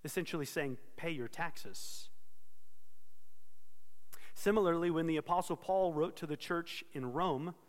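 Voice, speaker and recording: Pastor, male, somewhat high voice, earnest sermon delivery, reverberant hall. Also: measured pace, long pauses. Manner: earnest expository preaching with self-corrections.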